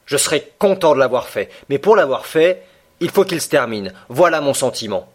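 A man voicing a blunt, impatient Canadian harpooner in an audiobook reading, pressing his point forcefully. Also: mid-range voice, animated, moderate pace, lightly acted. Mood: insistent.

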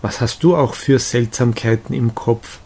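A man reading a gentle, cheerful young woman's chatty, confiding lines in an audiobook of a romantic novella. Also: medium pitch, a little slow. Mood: fond.

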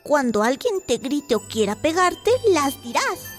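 A woman voicing a small, gentle pet dog who speaks softly and pleadingly in a children's story, over faint music. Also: high-pitched, sing-song, unhurried. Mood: tender. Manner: soft and pleading.

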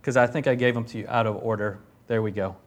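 A man's voice: on the low side, fairly even intonation, fast. A man preaching a sermon, reading scripture aloud and pressing his points with rising emphasis and casual asides. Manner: emphatic preaching, rising loud on key phrases. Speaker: pastor.

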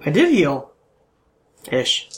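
Man, fairly high voice, joking player at a tabletop game, noisy table recording. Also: huge pitch swings. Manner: jokey, quick quips and laughs. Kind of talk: casual tabletop game chat.

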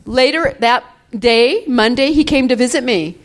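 A woman in her late fifties shares a personal testimony at church. Her voice sits a little high, and she tells her story in a chatty, animated way, often laughing as she goes. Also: a little slow. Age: 50s. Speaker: church member giving a testimony.

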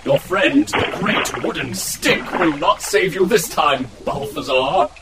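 An actor playing a melodramatic hero-rival who speaks in theatrical mock-archaic bombast. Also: male voice, sits high, big pitch swings, takes it slowly, gravelly, heavy background noise, full character voice. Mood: shouting.

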